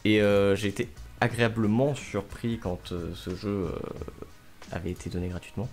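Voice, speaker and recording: A man's voice: on the low side, fairly even intonation, normal speed, darkish tone. Young man streaming over music. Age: 20s. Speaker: game streamer. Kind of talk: casual gaming livestream commentary. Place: small room at home.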